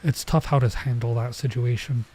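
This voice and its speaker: Sounding nasal and congested from an oncoming cold, a man with a mid-range, dark voice chats his way through a visual novel at a normal pace with fairly even intonation. His let's play commentary is loose and rambling, and there is slight background noise.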